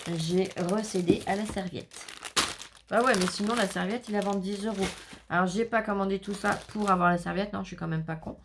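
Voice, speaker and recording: A woman's voice: medium pitch, background noise. A woman chatting casually and rambling through a crafts haul, with self-mocking asides. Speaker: crafts vlogger.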